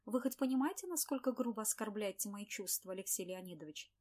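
A woman's voice: mid-range voice, animated, quick pace, darkish tone, natural voice. A woman reading an audiobook, voicing an indignant, pleading young pregnant office worker. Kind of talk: audiobook character voice.

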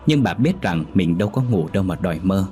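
A man narrating a scripted ghost story in a steady, measured way. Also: sits low, faint music behind.

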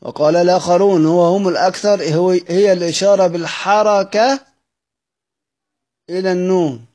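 Egyptian man teaching, fairly high voice. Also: steady tone, normal speed, darkish tone. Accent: Egyptian Arabic. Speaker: teacher of Quran orthography. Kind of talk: recorded study-circle lesson.

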